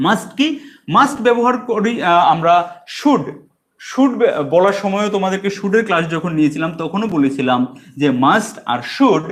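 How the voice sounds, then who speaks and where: A man with a somewhat high voice gives a bilingual spoken English lesson, explaining in Bengali. He slows way down to say the English examples slowly and deliberately.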